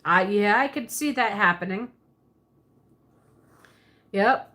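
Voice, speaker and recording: Slow and sharp-toned, this mid-range woman's voice comes from a Pennsylvania livestream host with a Pennsylvania Dutch accent and a Southern twist. She rambles casually while answering viewers, chatty and laughing frequently, often correcting what she just said.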